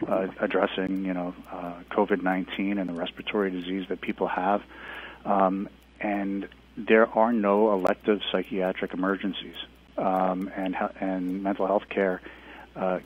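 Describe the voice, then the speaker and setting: A middle-aged man, a physician guest on a radio interview, speaking in a measured, hesitant way with many fillers. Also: sits low, husky. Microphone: phone line. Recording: tinny phone line on radio.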